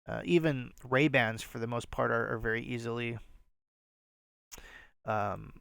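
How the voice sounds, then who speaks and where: A man with a slightly nasal, gravelly voice chats loosely through a show-and-tell of finds, full of fillers and asides. The sound is close and dry. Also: mid-range voice, steady tone, a little slow, fairly bright tone, no room sound. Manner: rambling, filler-heavy, self-deprecating. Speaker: resale channel host. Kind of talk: casual show-and-tell vlog.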